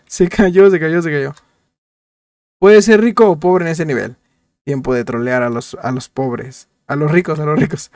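High-voiced man narrating his gameplay. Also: a little mellow, dry recording, studio quality. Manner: chatty, jokey, talks to viewers while playing; repeats words in quick bursts. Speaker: gameplay youtuber. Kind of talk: casual game commentary.

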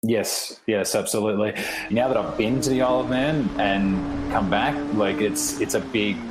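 A man, a rider and journalist, giving relaxed interview answers full of fillers. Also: lowish voice, moderate pace. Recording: echoey room, faint noise.

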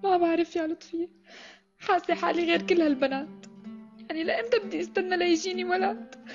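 An actress in a Syrian TV drama playing a gentle, despondent young wife, speaking softly with a Damascene accent. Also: female voice, very high voice, quick pace, muffled recording, soft background music. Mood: plaintive.

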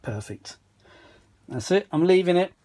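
Steady machine noise hums behind a British hobbyist's high-sitting, slightly slow voice as he fixes vintage audio gear at an indoor workbench. Making a video, he rambles to himself casually and mocks his own efforts.

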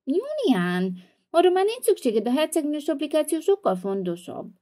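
A bratty little girl, voiced by a woman in a toy-figure video. She squeaks in a very high, shrill voice that jumps about in pitch. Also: big pitch swings, mellow.

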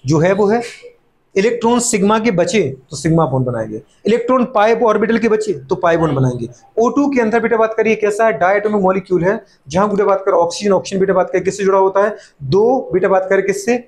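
High-voiced man teaching chemistry, teasing. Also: a little mellow. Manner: playful scolding, voices students' replies; fast repeated catchphrases and rhetorical questions. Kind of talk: classroom lecture.

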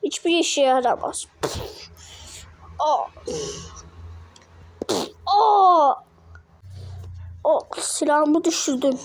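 A woman's voice: high voice, drawn-out words, long pauses. A woman giving playful, slangy gameplay commentary, yelping, giggling and voicing the fighters. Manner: excitable, slangy, yelps and giggles. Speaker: gameplay narrator.

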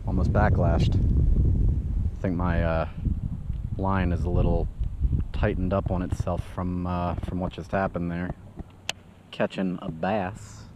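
A man's voice: deep voice, little pitch movement, slow, pauses often. A man hosting his fishing channel, talking casually outdoors by a lake while he fishes, rambling with lots of "uh" and restarts. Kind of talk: casual first-person fishing commentary. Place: outdoors at a windy lake shore. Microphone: head-mounted action camera. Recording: dull lo-fi action camera audio with wind noise.

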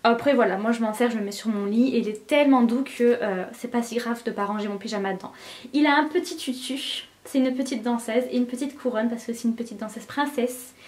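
A woman's voice: a little high, a little fast, a little mellow. A young woman from France, chatting enthusiastically in a home vlog about her gifts, gushing and full of fillers. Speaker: beauty vlogger. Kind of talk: casual vlog chat.

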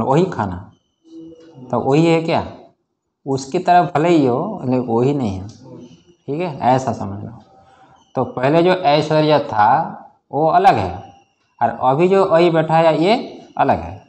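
An Indian man teaching Sanskrit grammar in a classroom, slowly drilling his students with repeated questions. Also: mid-range voice, a little mellow. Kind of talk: classroom lecture.

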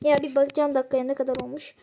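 Very high-pitched excitable gamer woman. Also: rapid-fire, gravelly, noisy background. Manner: excitable, often exasperated. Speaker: gaming channel host. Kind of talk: live gameplay commentary.

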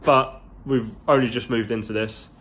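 This twenty-something car vlogger rambles casually and slangily as he wanders a large indoor garage workshop, recording on a phone at arm's length. He speaks at a moderate pace in a steady, mid-range, fairly bright voice.

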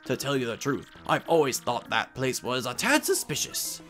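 In a game fan dub, a man voices a shriveled old Goomba professor, a fussy, excitable scholar given to lecturing and exclaiming. His mid-range voice moves at normal speed over soft background music, in an explaining mood.

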